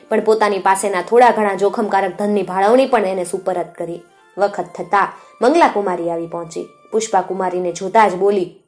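A woman's voice: medium pitch, a little mellow. Woman reading a storybook. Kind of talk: storybook narration.

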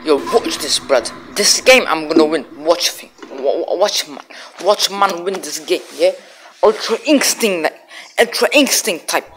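A woman's voice: on the low side, animated, unhurried, faint music behind. Woman doing a cocky street guy. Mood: brash. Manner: loud taunting outbursts, slangy, bossy. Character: brash young British street guy, trash-talking gamer. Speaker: gamer. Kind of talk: playing a video game on camera.

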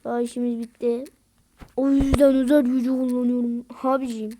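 A woman doing casual gameplay commentary, excitable and slangy, yelling at teammates in bursts. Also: on the high side, brisk, slight background noise. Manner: slangy, rough-talking banter. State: out of breath. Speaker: gaming video creator. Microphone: screen-recorded game commentary mic.

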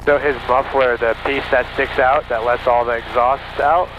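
A man in his thirties, a pilot talking casually into an aviation headset, explaining things plainly and haltingly. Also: mid-range voice, fairly even intonation, lo-fi sound. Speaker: pilot and vlogger. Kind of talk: casual vlog chat. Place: small bush plane cockpit in flight. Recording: noisy small propeller plane cockpit.

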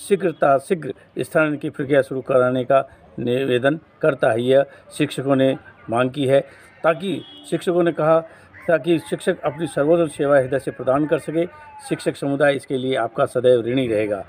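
A man's voice: mid-range voice, darkish tone. A man, presenting a local news report as its host and reading out a memorandum in a formal tone.

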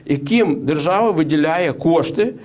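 In a studio interview, a man offers political and economic commentary, hesitating with many fillers and restarts and telling anecdotes. His voice is on the high side, animated and a little mellow, at a moderate pace.

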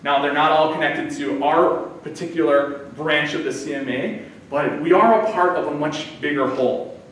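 An American man in his thirties preaches a conversational sermon as a guest, using his hands as he talks in a church sanctuary. His voice is on the high side and fairly bright, at a moderate pace. A distant camera mic captures the echoey hall, with a little hiss or hum.

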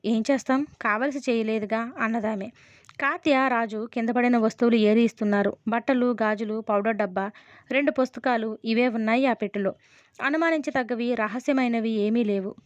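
A woman reading a suspense novel aloud as an audiobook narrator, in a steady storytelling manner and lightly voicing the dialogue. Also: fairly high pitch, no room sound. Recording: dull, dry close recording.

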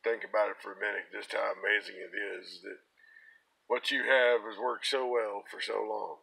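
Gravelly, folksy American man. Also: lowish voice, steady tone, moderate pace, bright, forceful tone, low-quality recording. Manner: folksy, plain-spoken. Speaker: pipe-smoking vlogger. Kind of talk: casual rambling chat. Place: inside a parked car. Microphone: phone at arm's length.

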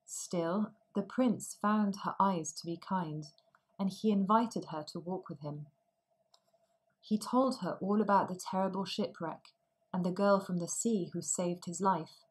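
Slow, clear woman reading a fairy tale. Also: lowish voice, poor audio. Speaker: storyteller. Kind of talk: storybook narration for language learners.

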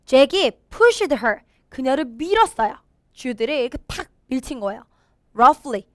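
A woman teaching English from a storybook, explaining word by word in an animated, expressive way. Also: high voice, unhurried, no room sound, studio quality. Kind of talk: storybook read-aloud lesson.

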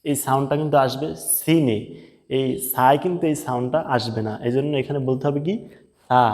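Male Quran reading teacher, mid-pitched, patient syllable drills, recorded in a room with a long echo tail. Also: darkish tone. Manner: repeats syllables slowly, explains mouth and breath placement. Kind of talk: step-by-step pronunciation lesson.

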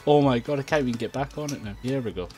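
A young man narrating his own gameplay, quick to frustration and laughter, at a desk mic near his keyboard. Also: medium pitch. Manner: excitable, frustrated outbursts and laughing. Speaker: gaming YouTuber. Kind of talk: let's play commentary. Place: home room at a computer.

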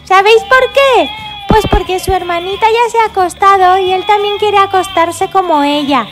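A woman's voice: extremely high pitch, normal speed, over music, voice pushed up. A woman voicing a cheerful little girl pig who fusses over her baby dolls with doting sighs. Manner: fussy, doting, sighing often.

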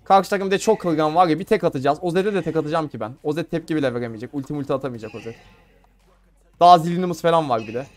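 A young man from Turkey streams his gameplay, talking fast in a slightly high voice with faint music in the background. He gives casual, playful commentary, laughing and chatting with his viewers.

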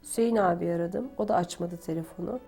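A woman's voice: fairly low pitch, fast talker, vocal fry, music in the background. A woman recounts a family ordeal for a documentary, reenacting conversations by quoting who said what. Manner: retells events by quoting dialogue with "dedim" and "dedi". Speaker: family member interviewed for a documentary. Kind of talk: emotional first-person recollection.

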